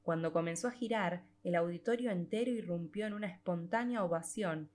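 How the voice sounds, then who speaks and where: In a fairly low, slightly mellow voice, a woman narrates a literary short story for an audiobook. She tells it in a measured way, drawing out her phrases.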